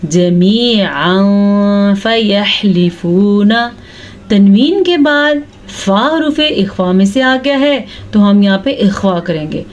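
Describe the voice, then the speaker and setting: Patient woman teaching Quran recitation, slow. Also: fairly high pitch, animated, dull audio. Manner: patient, explains each rule step by step, checks in with "theek hai". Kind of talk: recitation lesson with slow drawn-out chanting of verses.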